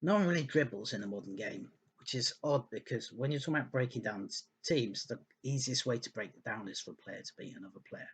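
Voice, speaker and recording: A man's voice: medium pitch, quick pace, few pauses, slightly rough. A man giving casual, rambling football analysis, thinking aloud with many ums and restarts while hiccuping. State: hiccuping and burping. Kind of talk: casual spoken analysis over slides.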